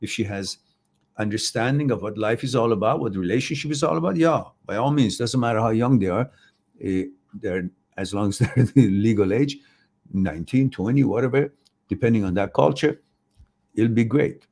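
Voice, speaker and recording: A man's voice: lowish voice, normal speed, vocal fry, darkish tone. Man, live chat host, opinionated, rambling advice, acts out voices. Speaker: host answering viewer questions.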